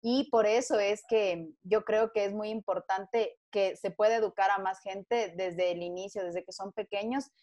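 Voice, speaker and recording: A woman speaks as a guest in a conversational panel. Her voice sits at a middling pitch. She tells her story earnestly, often restarting her sentences. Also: steady tone, unhurried, hardly any pauses, darkish tone. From Ecuador.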